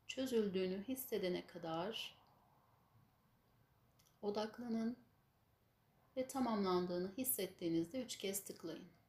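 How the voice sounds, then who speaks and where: A woman leading a spiritual healing session as guided meditation and prayer, giving instructions and blessings in measured, solemn phrases. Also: mid-range voice, darkish tone. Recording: echoey room, faint background noise.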